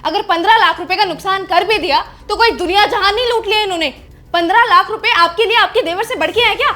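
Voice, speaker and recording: A woman's voice: very high voice, quick pace, sharp tone. A woman playing an indignant young wife who confronts her sister-in-law in a scripted family drama. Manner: confrontational, scolding.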